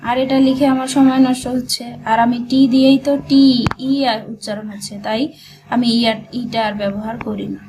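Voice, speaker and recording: A woman's voice: fairly high pitch, level tone, fairly quick, warm tone, faint music behind, poor audio. A woman teaching a shorthand class, breaking words into syllables and repeating them patiently. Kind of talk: slow step-by-step dictation lesson.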